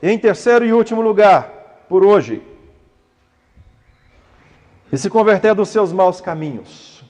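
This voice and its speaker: A man's voice: sits high, expressive, unhurried, a little mellow, big-room sound. A man preaching a sermon, acting out prayers and dialogues and rising to fervent pleading. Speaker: pastor.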